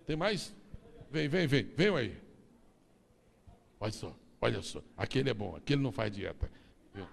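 A male pastor preaching with animated, scene-acting storytelling. His mid-pitched voice has a gravelly edge, and it rings through a long church reverb. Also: normal speed. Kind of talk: sermon.

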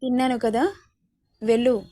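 A woman's voice: on the high side, little pitch movement, normal speed, dark tone, close to an everyday voice. A woman voicing a hurt, stubborn young heroine who speaks in reproachful, pleading questions.

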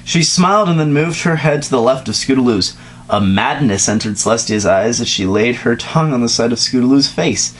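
A young man gives a casual dramatic reading of a story from a couch in a small, dim indoor room, tripping over words and stopping for offhand remarks. His mid-range voice moves quickly with lively intonation. The home recording is noisy and carries a hum.

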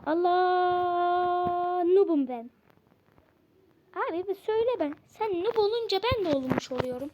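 A young woman chatting casually while playing a game with a friend. She repeats words in quick bursts and yelps when startled. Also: extremely high pitch, animated, mellow, slight background noise, rough recording. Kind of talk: casual game-play chat.

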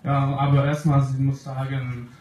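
A man's voice: medium pitch, completely flat delivery, darkish tone. A young man from England with an English accent, speaking a second language and reading a comic slam poem from a sheet on a club stage. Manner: reads from a sheet, slow and deliberate. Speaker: poetry slam performer. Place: small club stage with audience. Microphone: stand mic, filmed from the crowd. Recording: roomy club audio, faint noise.

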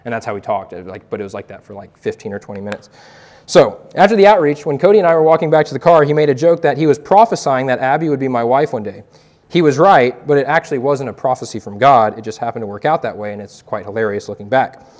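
A man's voice: mid-range voice, quick pace, a little mellow. A young man and evangelist giving an earnest, preacherly testimony to a youth group, quoting scripture as he speaks.

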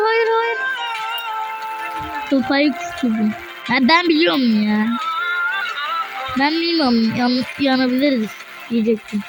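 High-voiced teen girl, chatty gamer who gets worked up fast, music in the background. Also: rough recording. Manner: excitable, easily frustrated, chatty. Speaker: gaming video creator. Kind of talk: casual gameplay commentary. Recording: music playing behind the voice.

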